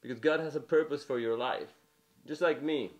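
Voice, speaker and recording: A young man from Mexico delivers a testimony sermon. He talks earnestly and informally, leaning on "you know" as he goes, with a voice of middling pitch. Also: normal speed, dull audio. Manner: earnest, conversational, many "you know" fillers. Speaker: preacher.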